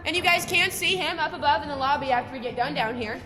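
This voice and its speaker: Bright, high-voiced woman guide in echoing cave. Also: fast. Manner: chatty, addresses the group as guys. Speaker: cave boat tour guide. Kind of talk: casual guided tour talk. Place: inside a large cave, on a boat on an underground lake. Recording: echoing cave with long reverb.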